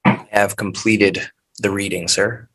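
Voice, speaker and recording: An American man addresses a judge as his own defender. His voice is on the low side, and he words things in a stilted, over-polite, legalistic way. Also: fairly even intonation, measured pace, fairly bright tone, rough recording. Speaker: self-represented defendant. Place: in custody, on a court video call.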